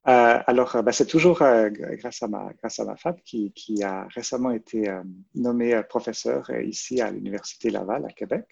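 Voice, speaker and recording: A man's voice: medium pitch, normal speed, vocal fry, slightly rough. A man in his forties with a Swiss French accent from Vaud, answering interview questions hesitantly with many fillers and restarts. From Switzerland. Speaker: guest, librarian and photographer. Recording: muffled, lo-fi.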